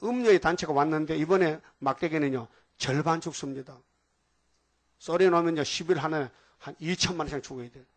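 A man preaching a sermon in a colloquial way, reading scripture slowly and often asking the congregation rhetorical questions. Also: a little high. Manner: reads scripture aloud slowly and deliberately.

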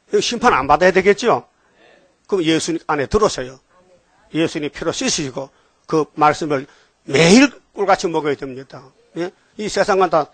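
A male pastor with a Gyeongsang accent preaches in an animated style and keeps throwing questions at his listeners. His voice sits a little high for a man. The recording is close and dry, with almost no room sound. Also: no room sound. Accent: Gyeongsang Korean. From Gyeongsang region, Korea. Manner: animated, questions the congregation, jumps between topics. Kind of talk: sermon.

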